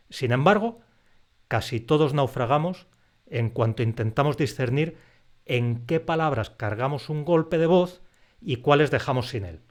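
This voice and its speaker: A man giving a clear, explanatory language lesson, slowing down to stress example words. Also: medium pitch. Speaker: Spanish language teacher.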